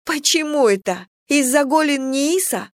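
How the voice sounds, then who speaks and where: Narrator putting on a defiant young woman soldier, raised bright pitch, insistent, dry close audiobook sound. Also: expressive, measured pace, no echo.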